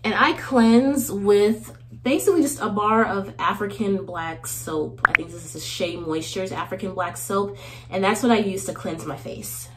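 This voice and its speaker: Against a noisy background, a thirty-something woman with a medium-pitched voice talks at normal speed while getting ready in her small indoor bathroom. She's a beauty vlogger host, chatty and often laughing, her voice slightly nasal from a cold.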